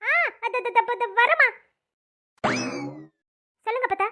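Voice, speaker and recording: A woman's voice: extremely high pitch, unhurried, sharp tone, full character voice. A woman voicing a sly younger sister in a cartoon, muttering playful asides. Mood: cheeky. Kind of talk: cartoon voice acting.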